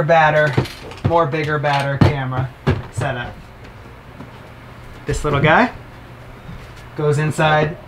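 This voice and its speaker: Reviewing camera gear inside the cabin of a sailboat, a man in his thirties speaks to the camera in a chatty, upbeat, casual way, picking up each item as he explains it. There's slight background noise, and his voice sounds a little high and a bit bright.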